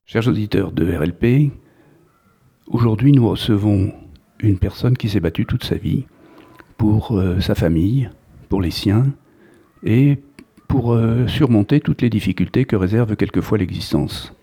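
A man's voice: fairly low pitch, unhurried, dark tone, breathy edge. A man hosting a local radio interview show, introducing his guest formally and asking questions with some hesitation. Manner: formal presenter, with some fillers.

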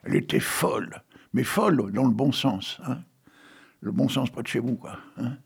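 A man's voice: medium pitch, expressive, moderate pace, gravelly, breathy edge. A man in his eighties hosting a radio show, chatting in a teasing, rambling way and reading poems aloud. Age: 80s. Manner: chatty and teasing, full of "hein" and "bon" fillers. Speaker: radio host. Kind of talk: casual radio chat with poetry readings.

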